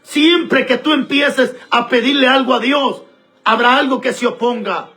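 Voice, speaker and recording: A man's voice: very high-pitched, measured pace, pushed and bright, soft background music. A man preaching a sermon as pastor, emphatic and repetitive, speaking straight to his listeners.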